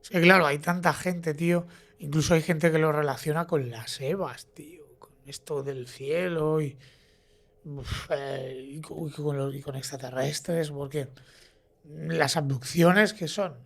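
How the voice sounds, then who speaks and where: A man's voice: a little high, steady tone, measured pace, creaky. Casual man asking questions. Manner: casual, says "tío" a lot. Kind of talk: casual conversation.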